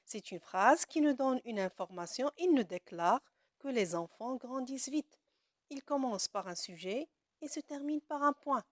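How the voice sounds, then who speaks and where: A woman teacher with a somewhat high voice walks through a grammar lesson at a very slow, careful pace. She drags out the key words and keeps praising the class. The sound is dry and close. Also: expressive, no room sound.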